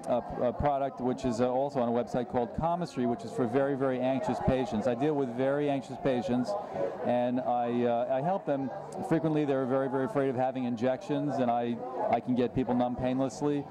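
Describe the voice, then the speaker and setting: A man giving an informal interview as a dentist guest, speaking haltingly and repeating words. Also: medium pitch, steady tone, a crowd in the background. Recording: loud urban ambient noise.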